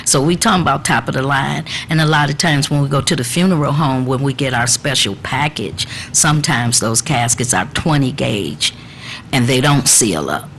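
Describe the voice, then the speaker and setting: A woman guest speaks in a very low voice, explaining with emphatic, persuasive conviction. The chat is relaxed and a faint hiss sits behind her. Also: normal speed. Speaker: talk show guest. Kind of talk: casual studio chat.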